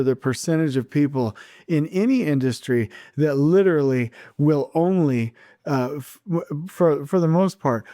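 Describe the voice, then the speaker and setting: A man hosting a solo podcast in an impassioned, ranting way, hammering words again and again for emphasis. His voice sits a little high for a man but has a mellow, warm tone. The sound is close and dry. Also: dry recording. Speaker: podcast host.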